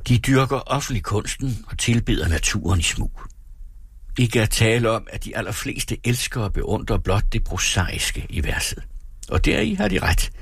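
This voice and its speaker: Male reader for a classic essay: low, husky voice, close and dry, with a theatrical delivery. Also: no room sound. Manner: theatrical, swings between high and low. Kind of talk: dramatic reading of an old essay.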